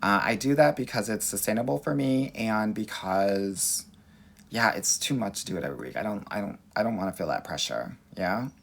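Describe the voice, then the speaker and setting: A man with a Californian Valley girl accent hosts a casual advice livestream in an expressive, sassy, campy way. His voice sits a little low and has plenty of fry and rasp. He talks straight to his viewers like girlfriends, from a phone held at arm's length at home. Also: normal speed. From Los Angeles, United States. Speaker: dating coach and livestream host. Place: small indoor room at home.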